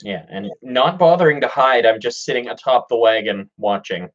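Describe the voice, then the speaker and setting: A player at a tabletop game, speaking in character in a formal, measured way. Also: medium pitch, expressive. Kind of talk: casual tabletop role-play. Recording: dull lo-fi audio.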